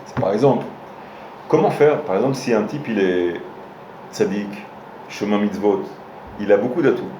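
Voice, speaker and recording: At normal speed and with a lowish voice, a rabbi leads an informal Torah class, speaking directly to those listening. His stories come with frequent restarts and hesitations. Background noise and faint ambience fill the roomy room.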